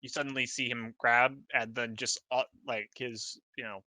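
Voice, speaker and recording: A man playing a tabletop game, slowly describing his character's actions with playful asides. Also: mid-range voice, flat delivery, pushed and bright, no echo. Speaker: player.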